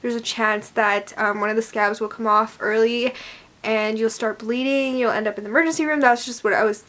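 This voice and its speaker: A young adult woman with a fairly high voice. She talks like a vlogger sharing a personal experience, casual and conversational. Her sentences ramble and often trail off loosely. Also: fairly even intonation, fairly quick, a bit bright. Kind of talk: casual personal storytelling to camera.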